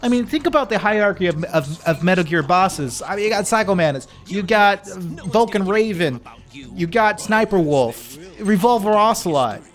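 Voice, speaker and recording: A man's voice: high-pitched, lively intonation, moderate pace, faint music behind. A young man co-hosting a casual gaming podcast, complaining animatedly and swearing as he talks through the game. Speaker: podcast co-host.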